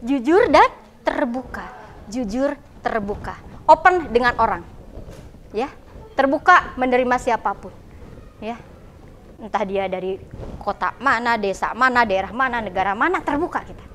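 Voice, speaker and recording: Female teacher, West Javanese accent, high voice, class lesson, checks in with students constantly. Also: fairly bright tone, a little hiss or hum. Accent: West Java. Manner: questions the class, frequent "ya" and "gitu". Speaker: vocational school teacher.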